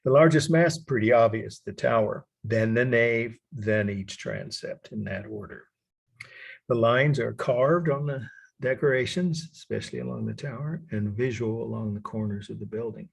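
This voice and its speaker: A man giving a college art history lecture, explaining patiently and slowly spelling out words for his students. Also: medium pitch, gravelly, breathy edge.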